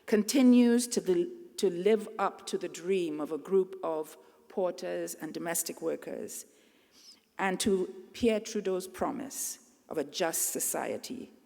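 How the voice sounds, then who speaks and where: Gravelly middle-aged woman in a hall. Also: fairly low pitch, darkish tone. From Trinidad and Tobago. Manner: earnest, measured, speaking to a crowd. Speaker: convocation speaker. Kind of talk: commencement address. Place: large convocation hall. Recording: long hall reverb.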